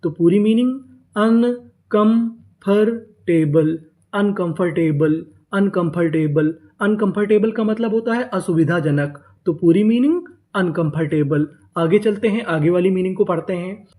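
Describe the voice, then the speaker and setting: A man teaching a class, asking a question and then answering it himself, and repeating each word slowly several times. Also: high voice, warm tone. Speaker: English teacher. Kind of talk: classroom-style spoken lesson.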